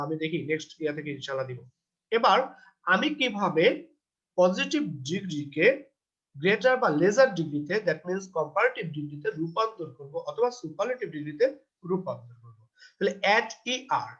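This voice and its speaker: A man teaching English grammar in a test-prep lecture. He asks himself questions and answers them, and he reads the English rules out slowly before explaining them. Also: sits high, highs cut off.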